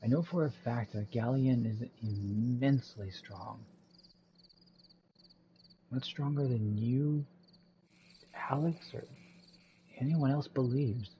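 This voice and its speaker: A man's voice: medium pitch, slow, long pauses, mellow, a little hiss or hum, lightly acted. A man doing an anxious young mage. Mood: worried. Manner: pleading, fearful.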